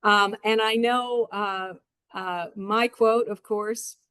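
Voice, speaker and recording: A woman's voice: medium pitch, fairly even intonation, takes it slowly, a bit bright, smooth, dry recording. A woman giving an earnest supportive speech over a video call, appealing to listeners to help a program. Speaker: guest speaker supporting the program.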